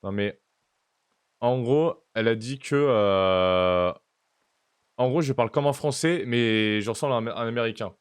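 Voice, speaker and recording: A man's voice: mid-range voice, unhurried, smooth. A man with a French accent chatting casually on a game stream, playfully mixing in English. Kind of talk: casual gaming stream chat.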